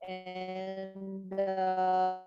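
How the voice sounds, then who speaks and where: A woman's voice: medium pitch, monotone, drawn-out words, smooth, dry recording, faint music behind. A woman speaking as a guest at an online panel over a video call, hesitant and apologetic, her voice breaking up and dropping out on a bad connection. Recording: muffled, dry video call audio.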